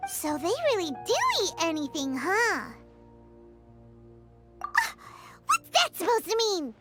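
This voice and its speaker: Small gullible fairy companion for an anime game; squeaky childlike pitch, chatty, over prominent music. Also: female voice, wildly swooping pitch, slow, heavily acted. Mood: curious, indignant. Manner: speaks of self in third person. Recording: music playing behind.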